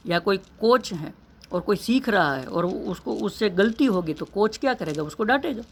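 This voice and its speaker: A man's voice: high voice, lively intonation, moderate pace, gravelly, slightly rough. A man, an English teacher, giving an earnest motivational lesson, asking rhetorical questions and repeating key phrases.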